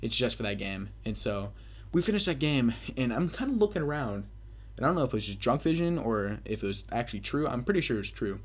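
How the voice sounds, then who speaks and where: A young adult man with a medium-pitched, sing-song voice talks fast, commentating on a game while telling a casual, meandering party story. He curses freely and brags in a self-deprecating way.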